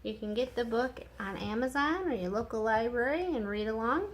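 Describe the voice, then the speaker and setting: A teacher reads children's stories aloud at storytime, instructive in tone and dropping in casual explanatory asides. Her voice is fairly high and expressive, she reads a little fast, and there's slight background noise.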